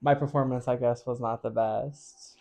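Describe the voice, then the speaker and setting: A man's voice: medium pitch, steady tone, normal speed, gravelly, a little mellow. A man co-hosting a podcast, telling the story of a competition in a candid, wry way. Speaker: podcast co-host. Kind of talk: casual chat recounting a drag competition.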